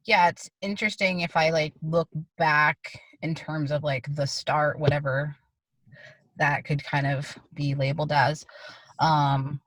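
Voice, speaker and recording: Low, slow-talking woman in a car. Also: fairly even intonation, no echo, rough recording. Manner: hesitant, many likes and kind-ofs. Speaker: guest artist. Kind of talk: casual interview answers. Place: her car. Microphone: video call.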